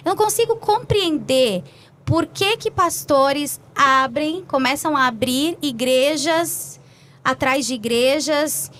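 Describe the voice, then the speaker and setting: A Brazilian woman pastor with a Brazilian Portuguese accent, chatting in a lively testimony style and acting out quoted dialogue. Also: sits high, slow. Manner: animated storytelling, acts out quoted dialogue, frequent tag questions. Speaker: pastor and podcast host. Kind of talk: casual faith testimony chat.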